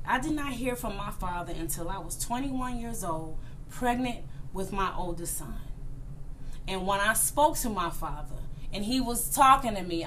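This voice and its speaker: A woman's voice: medium pitch, a bit bright, slight background noise. A woman in her late thirties telling a personal story in casual chat, blunt and profane, acting out the voices of people she quotes. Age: 30s.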